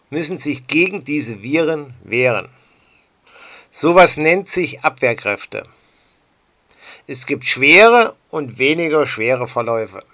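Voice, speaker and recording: Slow, emphatic German man addressing citizens. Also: on the high side, fairly bright tone, dry recording. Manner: slow, deliberate, emphatic delivery. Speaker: speaker addressing the public. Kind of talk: prepared public address.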